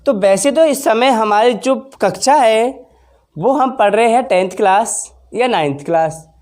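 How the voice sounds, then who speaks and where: A woman teacher giving a slow, careful exam-prep grammar lesson in Hindi, drawing out vowel sounds as examples and talking to viewers as friends. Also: on the high side, lively intonation, a little mellow. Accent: Hindi, from northern India. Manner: addresses viewers as friends, anticipates their questions.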